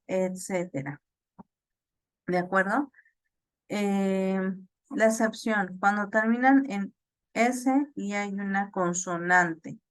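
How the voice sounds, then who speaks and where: A woman teaching an online class, explaining slowly with fillers and repeats and checking in with "ok?". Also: mid-range voice, dry recording. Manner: slow, halting explanation with many fillers and repeats; checks understanding with "ok?".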